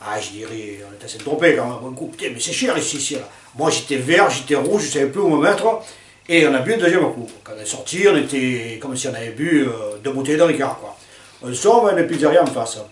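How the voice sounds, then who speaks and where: An older man telling a personal anecdote in a chatty, lively way, with fillers and laughs. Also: mid-range voice, quick pace, a little hiss or hum. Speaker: storyteller. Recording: roomy sound from a distant mic.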